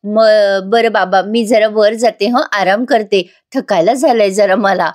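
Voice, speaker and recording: A woman's voice: medium pitch, fairly even intonation, unhurried, a little mellow, no echo, clean studio sound, lightly acted. Woman voicing a smug sugary young woman.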